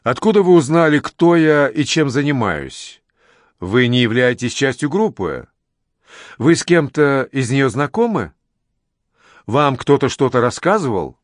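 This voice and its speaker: A man reading aloud, voicing a wary, sharp-tongued young woman doctor who questions and mocks a stranger, in a dry-sounding recording. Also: mid-range voice, very animated, measured pace, no echo. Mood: suspicious. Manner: suspicious, sarcastic.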